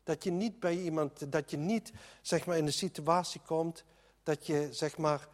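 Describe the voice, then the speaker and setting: A man's voice: a little high, steady tone, unhurried, in a large hall. A man preaching a sermon in an earnest, emphatic way, often restarting his sentences.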